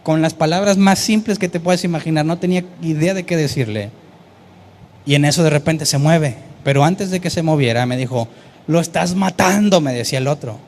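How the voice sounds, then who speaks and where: A man, preaching a sermon and telling a story with lively, acted-out voices. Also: on the high side, brisk, slight background noise. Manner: animated storytelling, acting out quoted voices. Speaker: pastor.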